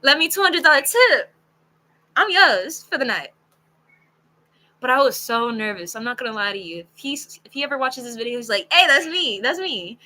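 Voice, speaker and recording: A young woman telling a personal story to camera in a casual, frank, animated way, full of "like" and the odd swear word. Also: on the high side, moderate pace, pauses often, poor audio. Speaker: storytelling video creator. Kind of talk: casual story-time monologue.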